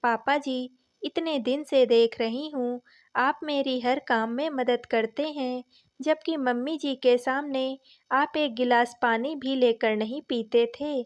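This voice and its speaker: A woman voicing a caring young daughter-in-law in a story reading, speaking softly and respectfully. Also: high-pitched, fairly even intonation, slow pace, lo-fi sound. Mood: hesitant. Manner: soft, hesitant, respectful.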